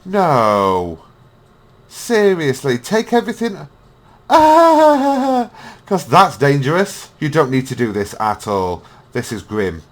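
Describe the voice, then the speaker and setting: A man's voice: mid-range voice, sing-song, a little slow, a bit bright. A man hosting a reaction video, mocking and swearing as he rants. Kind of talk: ranting reaction commentary.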